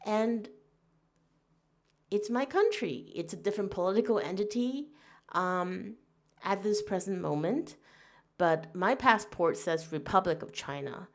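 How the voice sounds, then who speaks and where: An unhurried woman from Taiwan in her forties, speaking at a slow, steady pace in a voice of middling pitch. She muses aloud as a podcast host, earnest and reflective, often pausing on fillers and starting a sentence over. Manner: earnest and musing, with frequent fillers and restarts.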